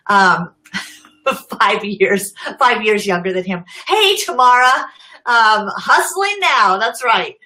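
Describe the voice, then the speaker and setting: A woman's voice: medium pitch, big pitch swings, slow, pushed and bright, rough recording. A middle-aged woman casually chatting on a live stream, laughing often and greeting viewers by name. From United States. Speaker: social media marketing host.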